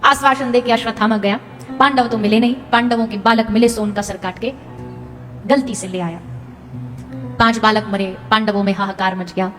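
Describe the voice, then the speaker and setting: दक्षिण एशियाई कथावाचिका, ऊँची आवाज़, गूँजता hall. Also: female voice, fairly high pitch, steady tone, moderate pace, fairly bright tone. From India. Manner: dramatic storytelling, sings Sanskrit verses. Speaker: katha storyteller. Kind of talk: devotional sermon with chanted verses. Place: large hall at a live religious event. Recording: long hall reverb with music.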